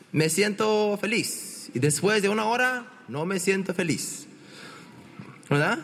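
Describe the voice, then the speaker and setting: Male preacher, unhurried and chatty, questions the congregation; long hall reverb. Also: sits high, fairly bright tone. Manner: conversational, asks the congregation questions, many restarts. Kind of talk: bilingual sermon.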